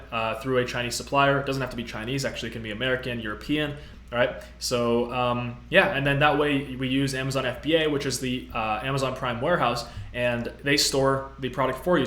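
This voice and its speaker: A man in his twenties chats casually through a live-stream tutorial, upbeat and loose, with plenty of fillers. His voice sits in a middle pitch. The sound carries a noticeable room echo. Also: a bit bright. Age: 20s. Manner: casual, upbeat, many fillers, reads out chat. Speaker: host. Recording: roomy echo.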